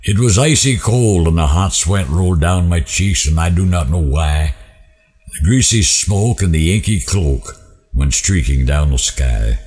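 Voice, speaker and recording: A man with a husky voice reciting rhymed verse as a storyteller, in a folksy cowboy drawl with dramatic delivery. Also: sits low, darkish tone. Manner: dramatic storytelling with swelling and falling lines.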